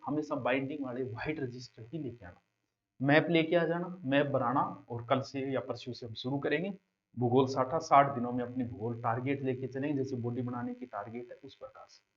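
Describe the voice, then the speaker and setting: A male coaching teacher, giving a direct, conversational exam-prep lecture to students. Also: mid-range voice. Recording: dull lo-fi classroom recording.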